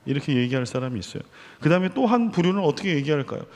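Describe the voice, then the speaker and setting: A man's voice: fairly high pitch, big pitch swings, racing, a little mellow. Man preaching in a reverberant church. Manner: conversational preaching with rhetorical questions. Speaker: senior pastor. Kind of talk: expository sermon. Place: church sanctuary, Wednesday service.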